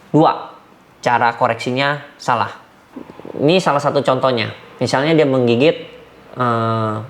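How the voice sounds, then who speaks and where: A man, a dog trainer giving numbered training tips and acting out sharp commands. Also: medium pitch. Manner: numbered points, demonstrates commands with sharp shouts.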